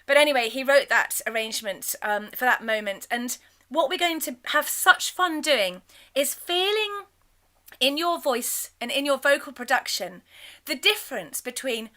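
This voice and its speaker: A middle-aged woman leading a choir course, chatting warmly and breaking into sung demonstrations. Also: high voice, lively intonation, moderate pace. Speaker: choir leader teaching a course. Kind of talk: enthusiastic spoken lesson with sung demonstrations.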